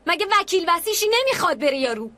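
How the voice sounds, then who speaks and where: A woman's voice: extremely high pitch, sing-song, sharp tone, no echo, full character voice. A woman dubbing an anxious, defensive pregnant sister. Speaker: dubbing actor. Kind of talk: Persian dub of a TV drama.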